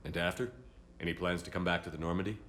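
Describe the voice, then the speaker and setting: An actor playing a steady, supportive and grave military commander in a video game. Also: male voice, low-pitched, fast talker, a little hiss or hum. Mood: steady, warm. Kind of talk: video game dialogue acting.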